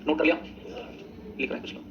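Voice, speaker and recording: A man's voice: quick pace, muffled recording, noisy background. A man teaching English grammar in a coaching classroom, drilling students in chorus and teasing them with chatty asides. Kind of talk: classroom lecture with choral drills.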